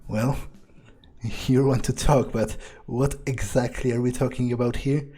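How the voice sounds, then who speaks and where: A man roleplays a character while playing a video game, thinking aloud in a hesitant, sardonic and sometimes profane way. His husky voice is medium-pitched and dark, with a steady tone and measured pace.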